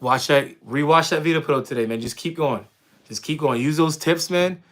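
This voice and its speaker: A man's voice: fairly high pitch, normal speed. A man in his thirties from Canada, casually answering viewer questions on a live stream in a loose, friendly way with lots of fillers and restarts. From Windsor, Ontario, Canada. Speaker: fitness streamer answering chat.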